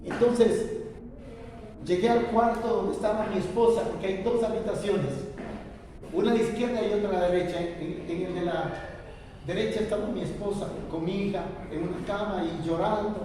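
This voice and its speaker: Older church elder giving a testimony, rather high voice, far from the mic in a reverberant hall with faint noise. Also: male voice, moderate pace. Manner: emotional, swings from low and hushed to loud. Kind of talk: preached testimony.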